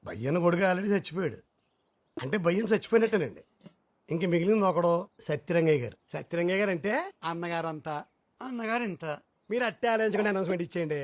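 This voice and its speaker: A man's voice: sits high, expressive, quick pace. An actor playing an eager party worker who urges his leader to make an announcement. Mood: urging. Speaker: political follower. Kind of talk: film drama dialogue.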